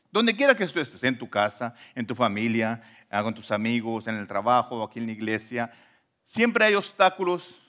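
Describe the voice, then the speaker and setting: A man, preaching a sermon in a church, dropping to soft low asides and then rising to emphatic lines. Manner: retells scripture with acted quotations. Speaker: pastor.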